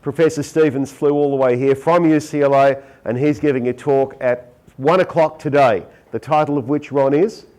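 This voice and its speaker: A man's voice: medium pitch, fairly even intonation, moderate pace, darkish tone, rough recording. A middle-aged Australian man presenting a conference talk, chatty and joking with asides to the audience.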